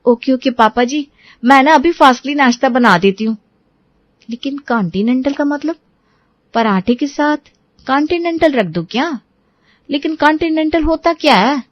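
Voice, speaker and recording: A woman's voice: sits high, animated, moderate pace, no echo. A woman voicing a simple, earnest young village bride in a cartoon, who halts and stumbles over English words. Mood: puzzled.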